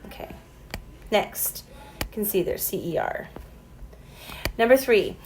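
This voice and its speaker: A woman's medium-pitched voice comes through poor audio with a little hiss or hum. She's teaching French in a recorded class, patiently spelling out words letter by letter and pronouncing example sentences as she explains.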